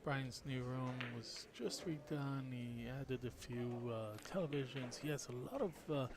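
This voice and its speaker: Man, mid-pitched, chatty co-commentator who likes a joke, noisy mic. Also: normal speed. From Israel. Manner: friendly, rambling, joking. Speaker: color commentator. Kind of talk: pool tournament commentary.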